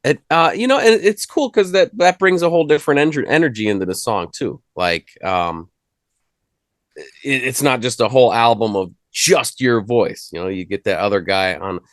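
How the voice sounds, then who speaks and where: A man's voice: mid-range voice, moderate pace, dry recording, studio quality. A man hosting a casual music chat, loose and profane, trailing off and restarting his thoughts. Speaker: host.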